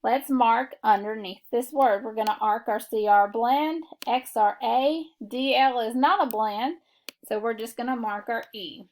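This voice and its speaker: A woman teaching a phonics lesson, walking through syllable marking step by step in a deliberate classroom manner. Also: fairly high pitch. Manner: slow, deliberate classroom instruction. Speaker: reading teacher.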